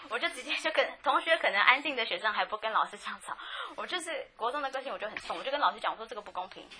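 A woman's voice: fairly high pitch, animated, very fast, bright, forceful tone. A woman with a Taiwanese Mandarin accent telling her life story in a frank, chatty way, with many restarts. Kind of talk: personal testimony, casual storytelling.

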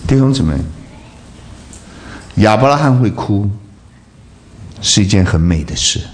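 Male preacher, sermon, animated, rhetorical questions, pitch leaping up and down. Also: a little slow.

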